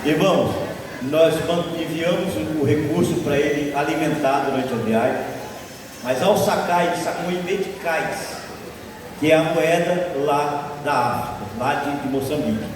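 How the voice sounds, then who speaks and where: A man's voice: fairly high pitch, normal speed, distant mic. A man, a church mission leader, explaining to the congregation in an earnest manner. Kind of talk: sermon interjection. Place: large echoey church hall. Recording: echoey hall with background noise.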